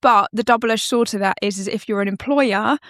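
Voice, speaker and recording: British woman explaining tax, steady and dry. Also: medium pitch, a little fast, dry recording. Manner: explanatory, steady, with frequent ums. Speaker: accountant explaining tax changes. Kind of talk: casual podcast discussion.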